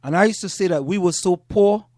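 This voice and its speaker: A man from Trinidad hosting a casual talk show, an animated storyteller who acts out what others say into a studio microphone. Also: sits high, a little fast, dry recording. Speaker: host.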